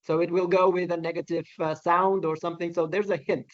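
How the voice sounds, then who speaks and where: A man's voice: a little high, level tone, fairly quick. A man from Bulgaria explaining casually as a participant in an online webinar. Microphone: video call. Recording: dull lo-fi online call audio.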